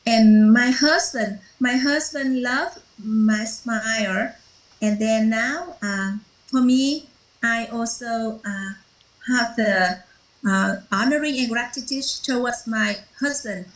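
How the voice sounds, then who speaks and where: A woman whose first language is Vietnamese shares a personal story at a workshop, halting often with fillers and restarts. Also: on the high side, echoey room, rough recording. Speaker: workshop participant.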